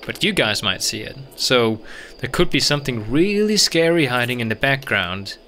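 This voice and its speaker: A man's voice: mid-range voice, sing-song, moderate pace, bright, forceful tone, a little hiss or hum. A man giving casual let's play commentary as a gaming streamer, thinking aloud in a chatty, rambling way.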